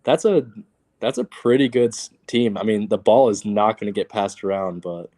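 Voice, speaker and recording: Co-host, male, lowish voice, phoned in, casual rambling delivery with fillers. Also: normal speed, mellow. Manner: loose, filler-heavy, many ums and likes. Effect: talking over a phone. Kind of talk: casual sports talk.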